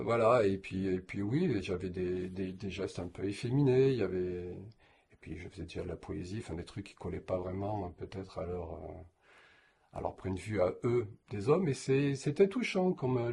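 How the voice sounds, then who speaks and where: A man's voice: low-pitched, normal speed, vocal fry, darkish tone, a little hiss or hum. A middle-aged man from southern France telling a personal story in a reflective, hesitant way, chuckling now and then. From southern France, Roussillon.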